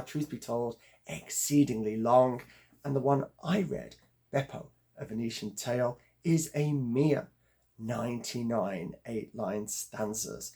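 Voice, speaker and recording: A man hosting a book channel, his voice hoarse and croaky from the flu, talking about his reading in a wry, leisurely way. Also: medium pitch, darkish tone. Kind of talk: casual book review.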